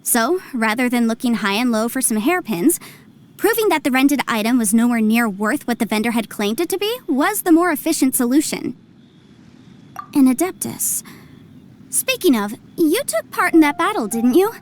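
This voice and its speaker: A woman with a high-pitched, very animated voice speaks at a moderate pace as a breezy young legal advisor in a video game. She sounds confident and articulate as she explains things with self-assured ease.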